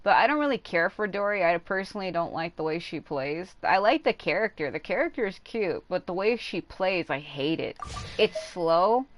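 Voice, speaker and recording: A woman with a fairly low voice and lively intonation chats at a moderate pace while livestreaming a game, in a dry recording with game music behind her. She rambles informally and throws in some casual swearing.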